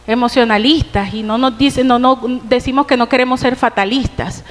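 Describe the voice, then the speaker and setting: Colombian woman preacher, high voice, earnest sermon full of questions, reverberant church hall. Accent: Colombian Spanish. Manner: earnest, rhetorical questions, slows for emphasis.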